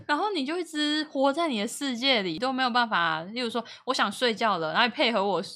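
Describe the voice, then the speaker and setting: Bright, chatty Taiwanese woman. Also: on the high side, lively intonation, fast. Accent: Taiwanese Mandarin. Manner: chatty storyteller who laughs easily. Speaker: podcast co-host. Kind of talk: casual couple podcast chat.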